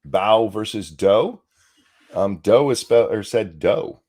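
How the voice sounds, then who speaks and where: On an easygoing political commentary show, a male co-host reads news aloud in a slow, lowish, darkish voice. He frequently breaks away into sarcasm, swearing freely as he shifts from dry narration to mocking commentary.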